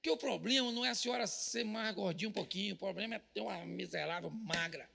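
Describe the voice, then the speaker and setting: Bright, gravelly-voiced man preaching with jokes. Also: high voice, fast talker, big-room sound. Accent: Brazilian Portuguese. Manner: joking and loud, mimics people praying. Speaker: pastor. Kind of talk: comedic sermon. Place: stage at a business event.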